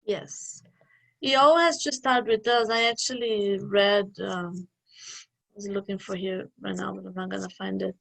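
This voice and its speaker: A woman sharing thoughts casually in a spiritual study group, reflective and unhurried. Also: medium pitch, fairly even intonation, vocal fry, fairly bright tone, low-quality recording.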